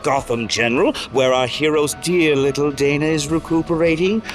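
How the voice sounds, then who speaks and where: A man's voice: on the high side, moderate pace, faint music behind, natural voice. A man playing a theatrical, gloating, maniacal clown supervillain in an audio drama, mocking and swinging between menace and mania. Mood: mock sweet. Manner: theatrical, mocking, swooping from menacing murmurs to manic shouts. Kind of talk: audio drama villain acting.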